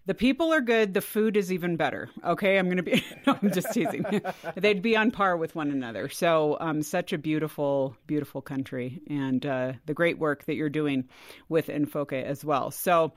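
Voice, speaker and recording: A woman's voice: deep voice, normal speed, no room sound, studio quality. A woman hosting an interview, chatty and teasing, laughing easily. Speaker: host. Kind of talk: casual interview.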